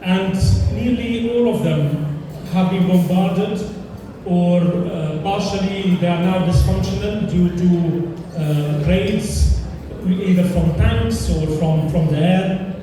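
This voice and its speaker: A man from Palestine, a doctor, giving an earnest, measured speech at a fundraising dinner, pausing often. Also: high-pitched. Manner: earnest, measured delivery with frequent pauses and fillers. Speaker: charity dinner speaker, doctor. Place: large indoor hall. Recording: echoey hall, distant mic, noisy.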